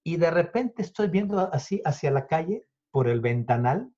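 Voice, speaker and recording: A Mexican illusionist in his fifties, a guest in an interview, tells an animated story in a fairly high, mellow voice with big pitch swings at normal speed. He acts out the dialogue and swears freely, and the recording is dull and lo-fi.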